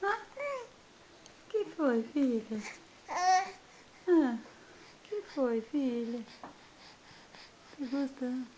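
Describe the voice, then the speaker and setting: A Brazilian mother gently and repetitively coaxing her babies to talk in a home video. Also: high voice, animated, drawn-out words, long pauses, slight background noise. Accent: Brazilian Portuguese.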